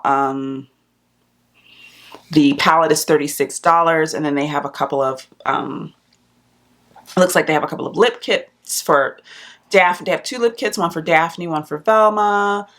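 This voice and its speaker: Low-voiced chatty woman vlogger. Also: a bit bright. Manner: chatty, rambling, with many fillers and restarts. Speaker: beauty vlogger. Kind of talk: casual chat about makeup releases.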